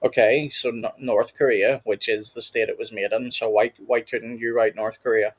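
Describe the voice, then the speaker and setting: A man's voice: mid-range voice, flat delivery, moderate pace, a little hiss or hum. Man, reaction host, casual commentary, rambling, laughs often. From United Kingdom.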